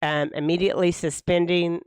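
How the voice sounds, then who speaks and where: A woman's voice: on the low side, flat delivery, normal speed, a little mellow, clean tone, dry recording, studio quality. Agreeable woman in her late fifties. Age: 50s. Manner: agreeable, prompting, many mm-hmms. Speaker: co-host. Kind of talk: casual couch chat.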